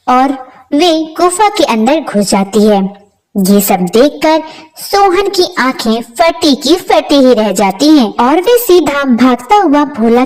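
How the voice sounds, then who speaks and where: A woman narrating a scripted storybook tale in a steady, plain way. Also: high-pitched, low-quality recording.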